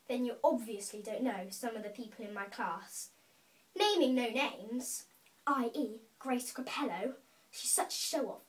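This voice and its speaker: Captured from some distance on poor audio, a woman performs a theatrical children's monologue as a talkative young schoolgirl. She pitches her voice high and lets it swoop around, stretching out words dramatically as she earnestly emphasizes her complaints.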